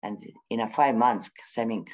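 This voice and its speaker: Woman, middle-aged, low voice, slow and halting English, spontaneous spiritual talk, dull lo-fi recording. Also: darkish tone. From Bosnia. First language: Bosnian. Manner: halting, searching for words with many pauses; non-native English grammar. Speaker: forum speaker.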